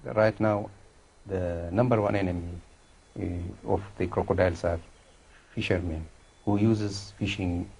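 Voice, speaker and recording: A man with an Ethiopian accent talks in an interview as a ranch manager. His voice is fairly low and noticeably husky, and he speaks haltingly, repeating words. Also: steady tone, a little mellow. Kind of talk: on-location interview.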